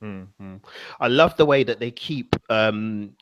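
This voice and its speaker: A man's voice: lowish voice, takes it slowly, fairly bright tone, clear, resonant tone, no echo. A man hosting a casual podcast chat, laid-back, with lots of ums and you-knows. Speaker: podcast host.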